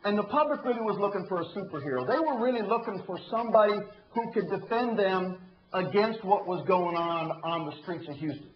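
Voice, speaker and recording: A man with a drawl tells a case story to a room of prosecutors, tossing out rhetorical questions as he goes. His voice sits fairly high. The sound is roomy and a bit dull. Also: animated, a little fast, a little hiss or hum. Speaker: ethics trainer. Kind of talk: training talk to prosecutors.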